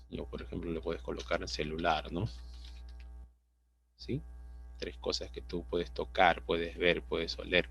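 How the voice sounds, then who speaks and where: Deep gravelly Peruvian teacher on a video call. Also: male voice, slight background noise. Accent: Peruvian Spanish. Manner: patient explaining with frequent tag questions. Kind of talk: online class lesson. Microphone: computer mic on a video call. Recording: dull lo-fi video call audio.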